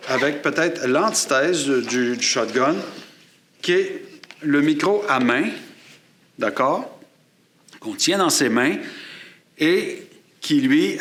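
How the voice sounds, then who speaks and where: A man teaching a class, explaining and demonstrating microphones at a studio table with a boom-mounted shotgun mic above him. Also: fairly bright tone, slight background noise. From Quebec. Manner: explanatory, demonstrating gear while talking. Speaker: photography and sound instructor. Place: studio table set up for filming. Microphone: shotgun mic on a boom above, aimed at his chest.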